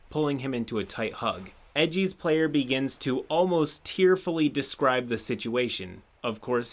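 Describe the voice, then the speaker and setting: A man narrating a submitted tabletop gaming story, with expressive, sarcastic asides of his own. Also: medium pitch. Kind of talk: reading a submitted story aloud with commentary.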